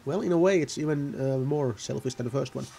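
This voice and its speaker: Gravelly rambling gamer commentary, man. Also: mid-range voice, fairly quick, warm tone. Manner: rambling, self-correcting, offhand. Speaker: gaming video host. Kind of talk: casual rambling gameplay commentary.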